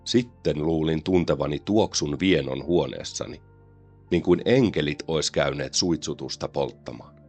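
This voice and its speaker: A man giving a slow, solemn, dramatic recitation of a poem. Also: a bass voice, darkish tone, breathy edge, soft background music. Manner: slow, solemn, measured delivery. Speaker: poetry reader.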